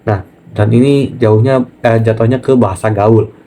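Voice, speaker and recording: Mellow-voiced man teaching casually. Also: on the low side, steady tone, moderate pace, slight background noise. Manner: chatty, keeps saying "nah" and addressing viewers as friends. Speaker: Japanese language teacher. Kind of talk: casual online lesson.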